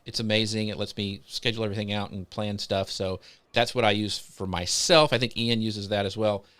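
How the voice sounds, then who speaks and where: A man's voice: fairly low pitch, steady tone, fairly quick, fairly bright tone, clear, resonant tone. A man hosting a live social media show, upbeat, greeting guests and reading out viewer comments. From United States.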